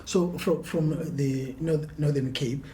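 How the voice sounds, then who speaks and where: A woman's voice: sits low, slow pace, mellow, a little hiss or hum. A woman, asking short questions as an interviewer.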